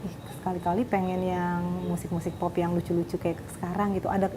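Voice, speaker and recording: A woman's voice: on the low side, little pitch movement, fast talker. Chatty woman host, noisy setting. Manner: chatty, colloquial, affirming interviewer. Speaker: interview host. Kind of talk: casual celebrity interview.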